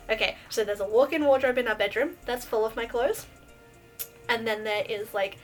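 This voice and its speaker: A bubbly Australian woman in her thirties with a bright, high voice chats her way through a casual question-and-answer vlog. She giggles often and sounds close to the camera, with soft music playing under her. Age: 30s. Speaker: vlogger. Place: bedroom full of plush toys, indoors.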